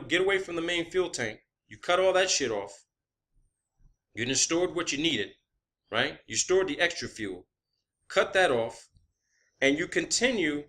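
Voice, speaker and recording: Speaking on the high side with a slightly bright tone, an amateur science vlogger riffs through an improvised, forceful, profane explanation. He repeats words to hammer them home and tacks questioning tags onto his points to check them.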